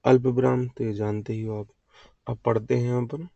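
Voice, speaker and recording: Gravelly dark-voiced man teaching grammar. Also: medium pitch, little pitch movement, moderate pace, no echo. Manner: repeats questions and answers them himself; quizzing, call-and-response delivery. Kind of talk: exam-prep grammar lesson. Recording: dull lo-fi sound.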